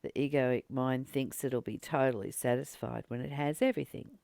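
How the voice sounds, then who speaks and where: A woman who hosts a channel as a spiritual teacher reads and comments informally, earnest and deliberate, pausing often and repeating points for emphasis. Her voice is bass, gravelly, and dark, with no echo.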